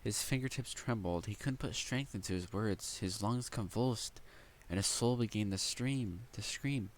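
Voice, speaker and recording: A young man reading a novel aloud, stumbling over words now and then and stopping to react with excited commentary. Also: on the low side. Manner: reads haltingly with slips, breaks off to react excitedly. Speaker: light novel reader and reactor. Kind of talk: casual read-aloud with commentary.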